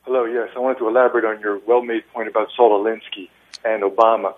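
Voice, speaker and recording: A man's voice: fairly low pitch, level tone, fast. Man calling in over a tinny phone line. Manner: earnest, argumentative, pointed. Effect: narrow telephone line. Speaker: caller. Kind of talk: call-in to a talk radio show.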